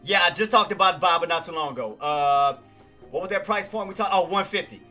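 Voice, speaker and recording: A man's voice: sits high, a little fast, pushed and bright, faint music behind. A man hosting a live stock trading stream, giving casual market commentary, laughing often and talking to viewers by name. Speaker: stock trading livestream host.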